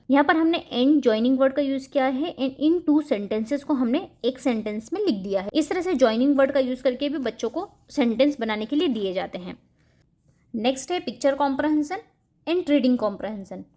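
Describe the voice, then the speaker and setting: Woman, high voice, home-schooling host, explains school topics, mixes in English words. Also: a little mellow. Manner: mixes Hindi with English words, reads example sentences slowly. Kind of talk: explaining a school syllabus to parents.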